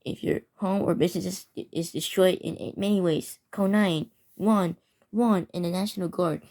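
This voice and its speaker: Acting as an emergency alert announcer, a woman reads scripted warnings and official notices as a public safety bulletin. Her voice is fairly low and a little mellow, with fairly even intonation at normal speed.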